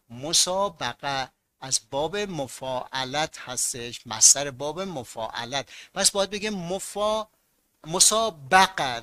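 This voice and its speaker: A man's voice: mid-range voice, pushed and bright, no room sound. A man with a Mashhad accent teaching an online grammar class, patiently explaining rules and asking his students questions that he then answers himself.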